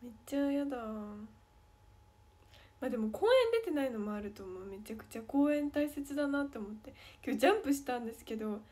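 On a casual livestream, a young woman with a Kansai Japanese accent reads fan comments aloud and answers them playfully. Her voice is high and a little mellow.

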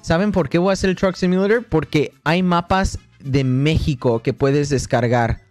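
A man's voice: a little high, moderate pace, darkish tone, no echo, soft background music. A young man with a Mexican accent, livestreaming a game in a boastful, joking way, swearing constantly. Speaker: streamer. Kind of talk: casual gaming livestream.

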